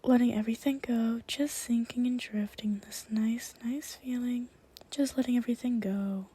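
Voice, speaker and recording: A woman leading a hypnosis induction with a slow, soothing countdown manner, in a hushed, breathy voice that drifts toward a whisper. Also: on the high side, fairly even intonation. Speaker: hypnotist performing for a live online audience.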